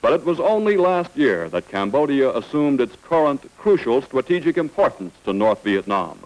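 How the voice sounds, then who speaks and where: A man's voice: mid-range voice, big pitch swings, moderate pace, rough recording. A man giving formal, scripted narration in the manner of an old newsreel announcer.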